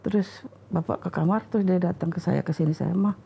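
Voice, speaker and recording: An older Indonesian woman speaks in a relaxed, conversational way, her voice rough with vocal fry. She tells family memories as an interview guest and acts out the dialogue as she goes. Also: lowish voice, fairly quick, a little hiss or hum. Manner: acts out family dialogue when recalling stories. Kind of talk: casual conversational storytelling.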